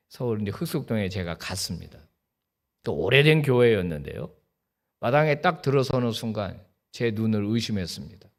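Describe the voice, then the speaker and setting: A middle-aged man, a pastor preaching a sermon in a church, telling a personal story and acting out the quoted voices with bursts of emotion. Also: medium pitch. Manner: storytelling with acted-out quotes, rising to emotional outbursts. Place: church sanctuary.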